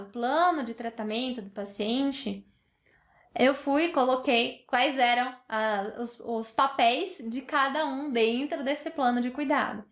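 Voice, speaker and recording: A woman's voice: sits high, fairly bright tone. A woman doctor with a Brazilian Portuguese accent explaining a topic in an educational talk, with many fillers and restarts. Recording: echoey room.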